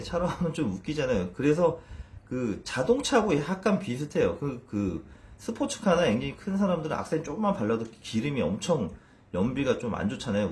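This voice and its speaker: Male fitness trainer, 30s, animated swinging delivery, casual and self-deprecating, frequent restarts. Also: mid-range voice. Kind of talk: casual explainer video.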